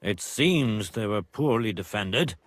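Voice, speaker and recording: A man's voice: fairly low pitch, animated, takes it slowly, no room sound. Grave, proud older nobleman. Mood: somber. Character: proud, grieving older nobleman and father in medieval drama. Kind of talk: video game dialogue acting.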